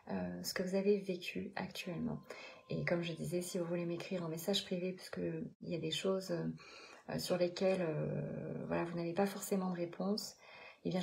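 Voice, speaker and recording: Gravelly-voiced chatty woman coach. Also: fairly low pitch, darkish tone, a little hiss or hum. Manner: chatty and encouraging, with many hesitations and restarts. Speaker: meditation coach and channel host. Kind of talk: casual live-stream talk after a guided meditation.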